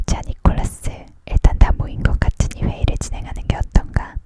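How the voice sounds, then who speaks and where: Measured whispering shopkeeper man, by a reader, whispered role-play. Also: close to an everyday voice. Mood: prompting. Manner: old-fashioned formal phrasing, explanatory. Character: measured, courteous male dream store owner.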